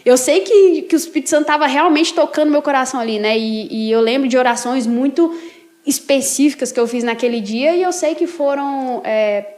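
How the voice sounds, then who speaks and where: A young woman with a high, bright voice tells her personal story as a podcast guest. She speaks in a lively, animated way and keeps checking in with her listener through short tag questions. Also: a little fast. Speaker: interview guest. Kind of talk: casual testimony chat.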